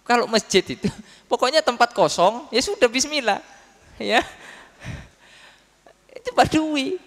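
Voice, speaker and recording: A man giving a religious study talk, telling stories with lively acted quotes and often addressing his listeners as "Pak". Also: very high voice, a little slow. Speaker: preacher. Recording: long hall reverb.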